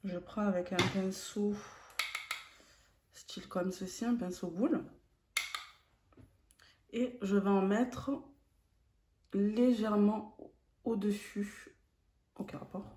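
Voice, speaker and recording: A woman explaining a makeup look step by step, in a calm tutorial manner. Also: mid-range voice, takes it slowly, long pauses, reverberant. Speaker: beauty vlogger.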